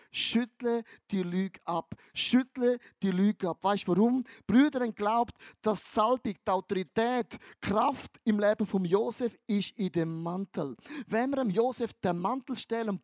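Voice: mid-range voice, darkish tone, no echo, studio quality. A preacher giving a sermon, talking emphatically with lots of slang and repeating phrases for effect. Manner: emphatic and repetitive, with slang-laden storytelling.

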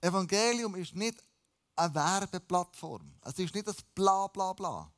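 A pastor preaching a lively, casual sermon and dropping in English phrases. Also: male voice, sits high, unhurried.

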